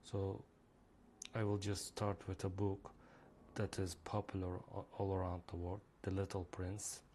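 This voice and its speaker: In this screen-recorded walkthrough, the Turkish-accented creator of a reading app speaks in a low, warm, monotone voice, a little slowly. He's hesitant and full of fillers, and a faint hiss or hum sits underneath.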